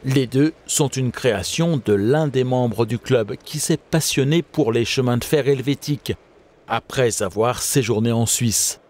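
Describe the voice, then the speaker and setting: A man giving steady, scripted documentary narration. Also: medium pitch, measured pace. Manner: steady, informative.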